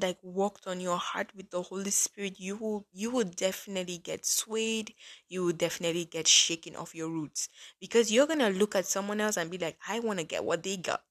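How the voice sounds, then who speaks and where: A woman's voice: on the low side, fairly even intonation, moderate pace, a bit bright. A woman in her early twenties hosting a casual faith-based podcast, chatty and earnest, with lots of "like" fillers. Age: early 20s. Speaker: podcast host.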